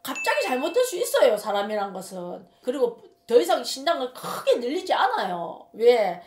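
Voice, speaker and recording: A woman's voice: sits high, big pitch swings, normal speed, background noise. A woman shaman with a Gyeongsang Korean accent telling a story in casual monologue, emphatic and rambling, often repeating her words. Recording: roomy echo.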